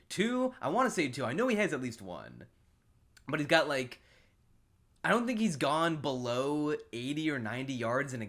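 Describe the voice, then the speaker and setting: A man's voice: medium pitch, a bit bright. A man casually giving football predictions and betting picks, rambling with lots of fillers, swearing and chuckles. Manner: rambling, profane, frequent fillers and laughs. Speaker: sports betting predictions host. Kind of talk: casual solo commentary.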